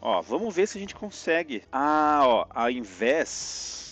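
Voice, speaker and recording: A man with a Brazilian Portuguese accent giving lively live commentary on a platform game, yelping and groaning at each jump. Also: medium pitch, takes it slowly, soft background music. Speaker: streamer playing a platform game.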